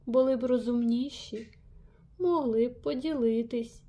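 A woman reading a rhyming children's story aloud with lively, playful emphasis. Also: fairly high pitch, unhurried. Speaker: reader.

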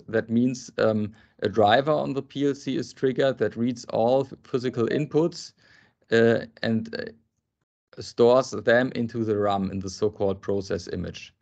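A man in his thirties walks through slides on a video call, pausing with frequent ums and restarting his sentences. His low voice has a gravelly edge. The call audio is dull and lo-fi. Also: a little mellow. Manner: hesitant, many ums and restarts. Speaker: software architect presenting. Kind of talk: technical presentation on a video call. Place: indoor office.

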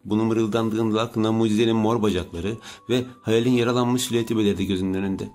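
A man narrating an audiobook in a steady, measured way. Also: fairly low pitch, soft background music. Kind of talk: scripted narration.

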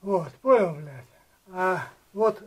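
A man on a plumbing crew grumbles and swears nonstop about the job, his voice pitched a little high. He sits away from the mic, his voice bouncing around an echoey basement. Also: expressive, slow, slight background noise. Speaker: plumbing worker. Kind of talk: casual work chat. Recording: echoey room, from far off.

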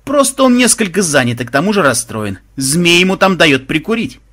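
A man voicing a calm, diplomatic male guardian angel watching over game players. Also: mid-range voice, unhurried, breathy edge.

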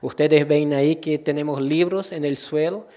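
Man, fairly high voice, Brazilian accent, native Portuguese, mixed Portuguese-Spanish speech, hesitant restarts, conference lecture. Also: fairly even intonation, moderate pace, dark tone. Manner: Portuguese-Spanish mix, hesitant with repeated word starts. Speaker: conference speaker, digital curator. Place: auditorium, indoors. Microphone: gooseneck podium microphone.

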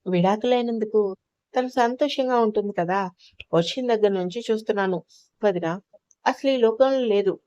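A woman's voice: medium pitch, normal speed, mellow, dry recording, lo-fi sound, close to an everyday voice. A woman voicing a tender, childlike young woman who asks anxious, pleading questions in a read-aloud audio story. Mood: worried.

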